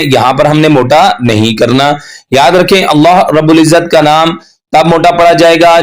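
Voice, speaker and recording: A man teaching tajweed pronunciation, patiently correcting mistakes and slowly stretching out recited examples. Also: on the high side. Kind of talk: tajweed lesson with slow demonstrations.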